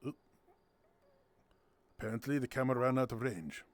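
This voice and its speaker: A man's voice: medium pitch, moderate pace, no echo. A man hosting a casual game night on his stream, playful and giggly, tossing in silly sound words. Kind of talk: casual gameplay commentary.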